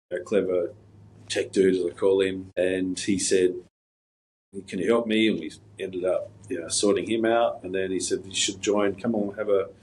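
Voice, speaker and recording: A middle-aged man answering interview questions in a relaxed, anecdotal way, wandering through stories with plenty of fillers and restarts. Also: low voice, slight background noise, poor audio. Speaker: guest. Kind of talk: casual interview storytelling.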